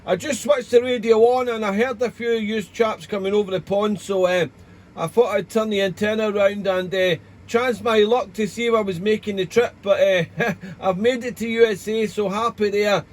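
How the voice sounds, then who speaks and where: A man's voice: sits high, steady tone, normal speed. A man speaking as an amateur radio operator in a chatty, rambling, courteous way, with call signs and radio procedure words. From Wales, United Kingdom. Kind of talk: casual ham radio contact with call signs.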